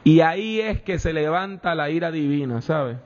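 A man preaching a sermon with slow, emphatic delivery and repeated refrains. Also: on the high side, animated, a little mellow. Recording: echoey hall, dull lo-fi sound.

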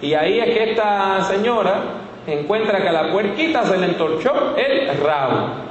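Brief: storytelling man preaching, lively and folksy, long church-hall reverb with faint room noise. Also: high-pitched, normal speed, lo-fi sound. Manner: animated, folksy, rhetorical questions. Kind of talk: storytelling sermon.

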